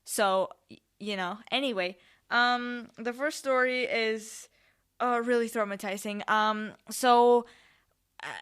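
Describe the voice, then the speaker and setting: A woman's voice: a little high, fairly even intonation, takes it slowly, a bit bright, clear, resonant tone. A young adult woman hosting a podcast, telling stories casually in a rambling, informal way and often correcting herself. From Spain, with family in Mexico. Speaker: podcast host. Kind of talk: casual solo storytelling.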